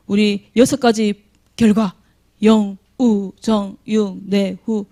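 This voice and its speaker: A woman preaching a sermon to young people, often quizzing her listeners with questions and acting out heartfelt prayers. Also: fairly high pitch. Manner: acts out dramatic prayers. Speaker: youth preacher. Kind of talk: children's sermon.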